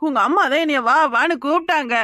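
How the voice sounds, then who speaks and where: A young village wife from Kanyakumari, talking quickly and insistently in a high voice. The cartoon voice is close and dry, with no room around it. Her manner is pressing. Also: pushed and bright, no echo. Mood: urgent. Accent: Kanyakumari Tamil. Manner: rapid, insistent, pleading. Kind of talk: cartoon voice acting.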